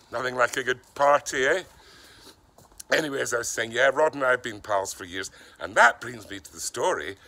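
Using an exaggerated, lowish voice with vocal fry and a sharp tone, a man gives a comic monologue as a gabby middle-aged bloke speaking in a Yorkshire accent with Glaswegian mixed in. The bloke is making a home-kitchen cooking video but rambles into gossip and tales, with slight background noise present.

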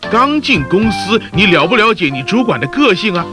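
A man's voice: sits high, sing-song, fairly quick, over music. A man with a Taiwanese Mandarin accent playing a teasing, scolding mentor who narrates and coaches, chatty and sarcastic. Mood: coaching. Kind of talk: comic instructional narration.

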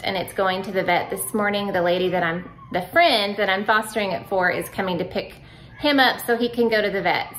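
A woman's voice: medium pitch, a bit bright, a little hiss or hum, low-quality recording. A woman in her thirties chatting casually at home through a grocery haul vlog, rambling with small asides and a little out of breath. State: slightly out of breath. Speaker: vlogger.

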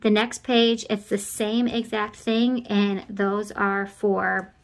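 A woman's voice: mid-range voice, level tone, slow. A young adult woman casually explaining and reviewing a children's book as a parent, in an instructive manner. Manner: explanatory, spelling out letters and words. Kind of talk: casual product walkthrough.

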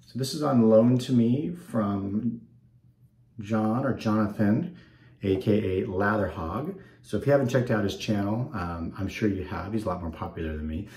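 This is a wet shaving channel host, a man in his forties with a slightly stuffed-up voice, chatting to the camera while shaving indoors in a small bathroom at home. He rambles casually and easily, with many ums, in a low, slightly mellow voice at normal speed, and the room is echoey.

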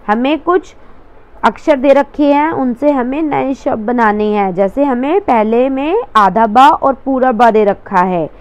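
A woman's voice: on the high side, darkish tone. A woman teacher explaining a worksheet to children step by step, patiently repeating each word.

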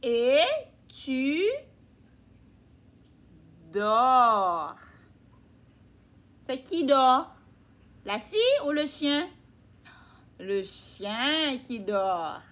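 Slow, patient woman reading to children. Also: high voice, expressive, fairly bright tone. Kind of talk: children's read-aloud lesson.

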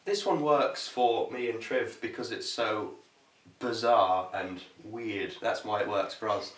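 A man's voice: fairly low pitch, a little slow. A young man co-hosting a casual biology revision lesson, explaining in an easygoing, matter-of-fact way. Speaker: revision video co-host. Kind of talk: casual tutoring chat. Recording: echoey room, mic far off, faint hiss.

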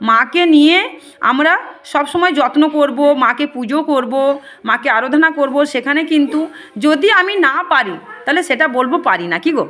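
A woman's voice: high-pitched, lively intonation, moderate pace, pushed and bright. A woman spiritual healer, earnestly addressing devotees and viewers and repeating herself often. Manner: earnest, repetitive, often asks "ঠিক আছে?".

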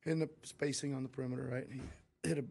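Candid middle-aged coach at a press conference. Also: male voice, medium pitch, steady tone, fast talker, creaky, dark tone, a little hiss or hum. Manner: candid, rambling, with frequent restarts. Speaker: head coach. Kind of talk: post-game press conference. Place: press room before a sponsor backdrop. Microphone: table mic in front of him.

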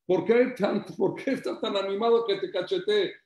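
A man voicing a frightened young prince who pleads excitedly with his father, raising his voice to a higher, louder pitch. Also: normal speed, reverberant, close to an everyday voice. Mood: pleading.

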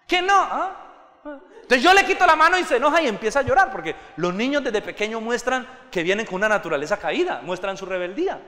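A man preaches with a high, bright, ringing voice that carries through a reverberant church hall. His sermon is passionate and climbs to fervent peaks. He acts out everyday scenes along the way. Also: big pitch swings, fast talker, hardly any pauses. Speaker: pastor.

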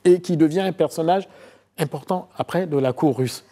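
Husky-voiced man telling his research story. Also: fairly high pitch, normal speed, warm tone. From Côte d'Ivoire. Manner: long storytelling answers with many hesitations and repeated phrases. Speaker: historian and author guest. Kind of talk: TV interview, recounting his research.

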